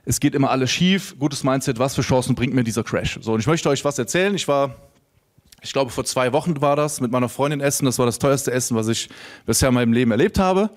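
A man's voice: medium pitch, expressive, fast. A young adult man speaking on a microphone to a live seminar audience, casual and chatty, full of fillers, telling anecdotes to the room.

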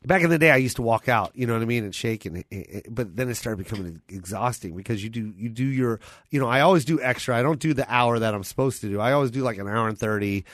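Hoarse, animated man bantering as podcast host. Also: mid-range voice, fast talker, no echo. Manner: animated, repeats phrases for emphasis. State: hoarse voice after many shows. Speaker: podcast host and stand-up comedian.

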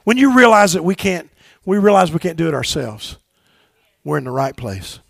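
A man preaching a sermon as pastor in a church, swinging from shouted exhortations to low, quiet asides and leading call-and-response with his congregation. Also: big pitch swings, normal speed, creaky, no echo, studio quality. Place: church sanctuary.

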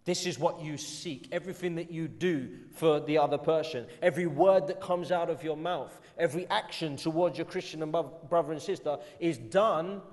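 An English man preaching a sermon with earnest conviction, his voice sitting a little higher than most men's. He swings from emphatic, raised passages down to hushed, quiet ones. A long church-hall reverb trails after every phrase. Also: moderate pace, few pauses. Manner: earnest, rises to emphatic peaks then drops soft. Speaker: pastor.

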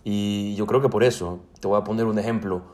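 A man's voice: lowish voice, steady tone, brisk, a little mellow. A man in his twenties from El Salvador with a Salvadoran Spanish accent, answering interview questions casually and hesitantly, with many fillers and restarts. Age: 20s. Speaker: student guest.

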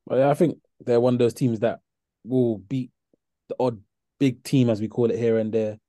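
A man's voice: medium pitch, steady tone, moderate pace, dark tone, dry recording. A man with a London accent hosting a casual football chat. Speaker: podcast host.

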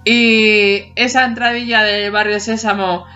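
Here a forties-aged woman co-hosting a podcast reminisces casually about childhood TV songs, humming bits of old melodies and laughing often. She speaks unhurriedly at medium pitch with little pitch movement and a sharp tone, in a dull lo-fi recording with faint music.

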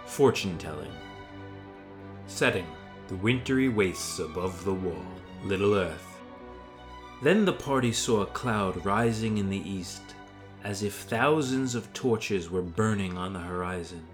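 A male narrator reads a scripted fantasy serial in a dramatic storytelling voice. His pitch sits low, and clear music plays behind him. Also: lively intonation, a little slow. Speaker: writer and narrator.

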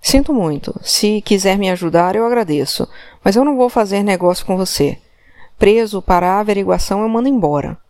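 A woman's voice: medium pitch, lively intonation, a little fast, darkish tone, no echo, lightly acted. A woman voicing a crafty, stubborn male police officer who talks in a sly, curt way. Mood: dismissive.

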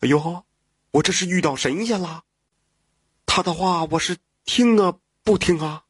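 A simple old woodcutter from the countryside, voiced by a male narrator, full of folksy exclamations and chuckles. The voice is husky and close, with no room around it. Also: high voice, unhurried, no room sound. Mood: anxious. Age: older.

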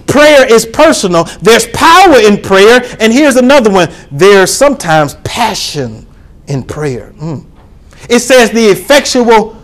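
A pastor preaching a sermon to his congregation, calling for responses and rising to shouts. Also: sits high.

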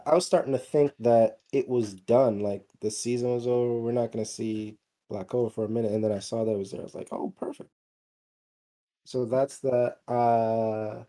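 Man, casual podcast chatter, mellow tone, loose and rambling with fillers. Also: medium pitch. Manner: rambling, many fillers and restarts. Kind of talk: casual chat.

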